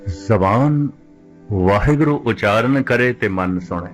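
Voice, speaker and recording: A man preaching a religious discourse in a measured, deliberate way, slowing right down when he quotes scripture. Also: lowish voice, lively intonation, music in the background. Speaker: Sikh preacher.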